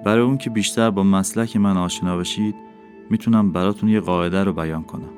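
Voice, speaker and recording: A man reading a calm, wise wandering dervish. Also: sits low, soft background music, close to an everyday voice. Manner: calm, measured teaching.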